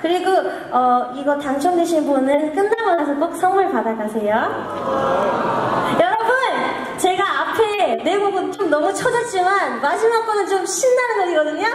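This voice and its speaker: A young woman, a singer chatting and reading aloud on stage in a bubbly, halting way. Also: extremely high pitch, expressive. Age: young adult. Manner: bubbly, halting, self-correcting. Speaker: singer hosting her own concert. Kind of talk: casual stage talk and reading aloud to fans. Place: on stage in a large indoor concert venue. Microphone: handheld stage microphone. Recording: echoey concert hall, crowd noise behind.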